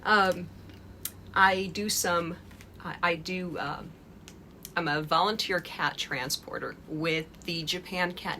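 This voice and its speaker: A woman chats casually to her camera at home, rambling with plenty of fillers and restarts. Her voice sits a little low but sounds bright and forward. Faint noise hums behind her. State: a little out of breath. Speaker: crochet vlogger. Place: home in Japan.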